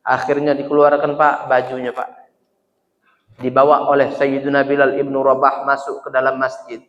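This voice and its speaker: A man's voice: medium pitch, completely flat delivery, moderate pace, a bit bright, muffled recording, a little hiss or hum. A male preacher with a Palembang accent, telling a story in a sermon and addressing the congregation directly. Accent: Palembang Malay. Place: mosque hall. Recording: echoey mosque hall reverb.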